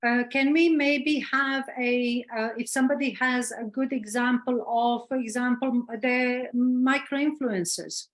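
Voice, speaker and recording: A woman's voice: fairly high pitch, a little slow, few pauses. A woman answering audience questions in an online marketing workshop, chatty and encouraging, with many fillers. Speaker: workshop expert. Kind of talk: webinar Q&A.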